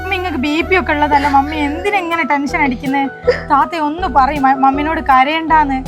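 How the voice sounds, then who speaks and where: A woman playing a poor young daughter-in-law who gently consoles her mother-in-law, over background music. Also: high voice, steady tone, brisk, lightly acted. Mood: consoling. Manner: soothing, consoling. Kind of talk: amateur short-video drama. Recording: music clearly heard behind voice.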